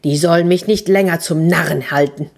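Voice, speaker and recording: A woman voicing a quick-tempered old tailor who blusters and rages at his sons. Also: fairly low pitch, creaky, a little mellow. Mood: furious.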